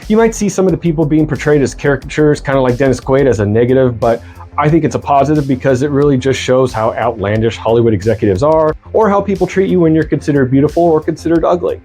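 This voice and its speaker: Mellow-voiced man in his forties reviewing a film. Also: mid-range voice, lively intonation, fast talker, soft background music. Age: 40s. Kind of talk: scripted movie review.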